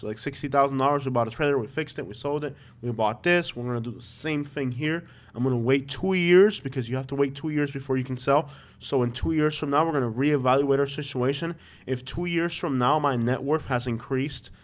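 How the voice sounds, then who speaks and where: A man with a Miami accent hosting a livestream, chatting informally and thinking aloud as he comments. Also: medium pitch. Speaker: livestream host. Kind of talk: casual chat, live commentary on property listings.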